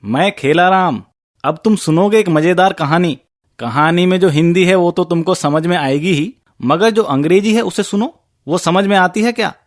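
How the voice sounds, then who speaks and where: A man's voice: sits high, normal speed, dry recording, studio quality, natural voice. An actor playing a cheerful male mascot who addresses children playfully in a radio lesson. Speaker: recurring show character.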